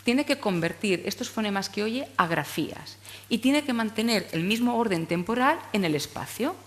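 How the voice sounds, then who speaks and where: In a conference hall with long reverb, a woman gives teachers a talk on speech therapy. Her medium-pitched voice has lively intonation and a normal pace, and she explains step by step, often checking in with "¿vale?" and "¿eh?" through frequent tag questions.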